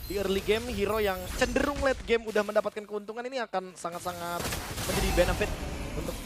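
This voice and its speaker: A man's voice: sits high, fast talker, heavy background noise. A man giving analytical esports caster commentary on a match. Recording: music behind the voice. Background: music.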